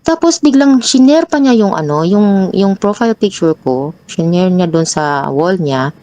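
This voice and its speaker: A woman telling her own troubled story as a guest, hesitant and halting with many restarts. Her pitch jumps up sharply when she relives an argument. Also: expressive, warm tone, highs cut off. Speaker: guest sharing a personal story. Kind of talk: confessional personal storytelling.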